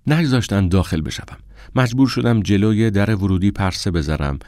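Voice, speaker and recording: A man narrating an audiobook in the first person, with a measured, somber reading. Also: fairly low pitch, animated, darkish tone, no echo, studio quality.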